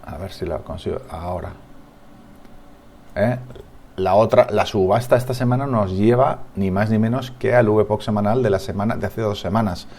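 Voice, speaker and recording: Man, Spain Spanish accent, trading analyst, chart commentary, deep-ish voice, relaxed tone, restarts and asides. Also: normal speed. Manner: thinking aloud, frequent restarts and tag questions.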